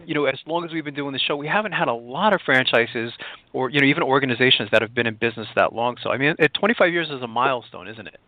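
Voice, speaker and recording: A man's voice: mid-range voice, dry recording. A man hosting an interview show, talking in a chatty way with many fillers and restarts. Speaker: podcast host. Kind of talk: phone interview. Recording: tinny phone-line sound.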